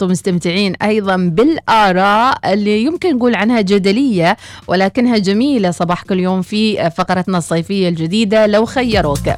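An Omani woman hosts a morning radio show at a brisk pace. Her pitch sits in the middle, and light music plays behind her. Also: darkish tone, dry recording. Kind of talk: radio presenting, headlines, sponsor reads and listener messages.

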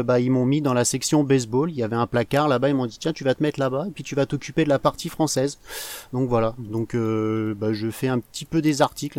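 A man guesting on a podcast, telling his story in a relaxed, self-mocking way. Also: medium pitch, dry recording. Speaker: podcast guest, baseball community manager. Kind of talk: casual chat.

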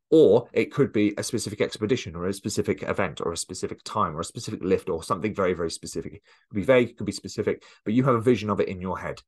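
Male coach, lowish pitch, loose chatty motivational talk with restarts. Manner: earnest, conversational, many fillers and restarts. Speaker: coach and podcast host. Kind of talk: motivational monologue.

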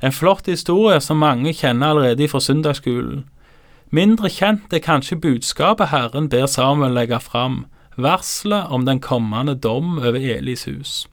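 A man acting as a Bible teacher, giving calm, explanatory commentary on scripture. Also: medium pitch, no room sound.

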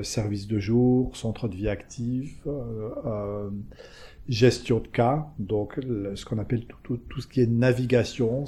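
This man's mid-range voice has a mellow quality. Answering interview questions in his role as a community organization manager, he hesitates, restarts, and leans on fillers and tag words, especially a habitual "hein" tacked onto his phrases.

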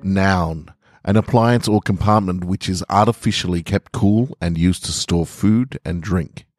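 An Australian man hosts a podcast and reads short stories, his voice still affected by a lingering head cold he's getting over. It sits low and is a little slow and darkish, and the clean studio sound has no room echo, just faint music behind. He gives a casual introduction before the scripted narration.

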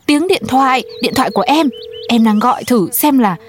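A woman's voice: sits high, lively intonation, fairly quick, slight background noise. A woman plays a chatty, gossipy neighbor. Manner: gossipy, eager.

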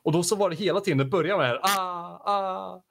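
A man co-hosting a podcast chats casually. He talks in an animated way and laughs easily. His voice sits a little high for a man. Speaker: podcast co-host. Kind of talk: casual chat.

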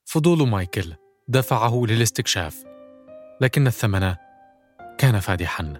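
A man's voice: on the low side, animated, normal speed, soft background music. A man hosting and narrating a scripted documentary podcast.

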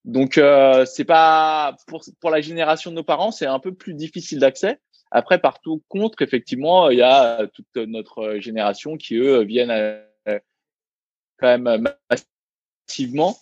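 A man's voice: medium pitch, darkish tone, no room sound, highs cut off. A man, a restaurant co-founder, talking casually in a podcast interview, full of fillers and restarts. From Vietnamese heritage, raised in France. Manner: halting, many fillers and restarts.

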